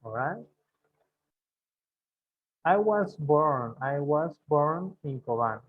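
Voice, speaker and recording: A man in his thirties from Guatemala, an English teacher giving a bilingual beginner lesson and repeating phrases slowly for his students. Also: fairly high pitch, animated. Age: 30s. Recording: tinny phone-like audio.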